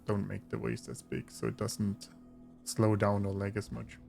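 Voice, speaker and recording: A man giving casual gameplay commentary, thinking aloud with hesitant pauses. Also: on the low side, little pitch movement, creaky, a little mellow. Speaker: gamer commentating on own play. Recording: faint game music behind voice. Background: video game music and unit voices.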